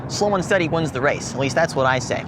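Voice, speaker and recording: A man's voice: fairly high pitch, animated, quick pace, lightly acted. A young man playing a pompous site captain. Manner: self-important, rambling. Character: pompous male site captain, proud of cones. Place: outdoor construction site by a road. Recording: traffic noise outdoors.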